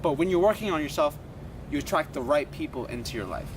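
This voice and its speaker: A man hosting his own vlog, talking in an excited, hyped-up way during a casual interview outdoors in a city. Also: on the high side, fast. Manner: excited, hype-style talk. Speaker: vlog host. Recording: distant outdoor mic with traffic noise.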